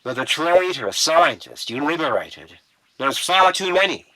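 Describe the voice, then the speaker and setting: An actor playing a ruthless, arrogant starship captain in an audio drama, commanding and smug in a clipped delivery. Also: male voice, a little high, very animated, a little slow, pushed and bright, dry recording, exaggerated voice, poor audio. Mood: smug, menacing. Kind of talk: dramatic audio comic acting.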